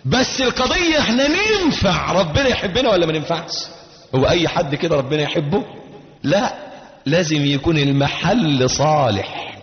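Animated Egyptian preacher in an echoey hall. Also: male voice, fairly high pitch. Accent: Egyptian Arabic. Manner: animated, swings between hushed and raised emphatic delivery, acts out dialogue. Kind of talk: Islamic sermon with storytelling. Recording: dull echoey hall recording.

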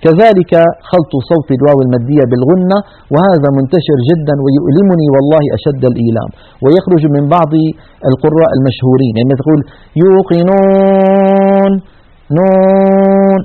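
A man's voice: a little high, rapid-fire, husky. A man teaching Quran recitation in an earnest tajweed lesson, demonstrating each sound. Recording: tinny narrow-band radio sound.

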